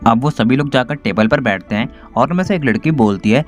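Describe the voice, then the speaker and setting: A man retelling a cartoon story in plain, even narration. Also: mid-range voice, fairly quick, faint music behind.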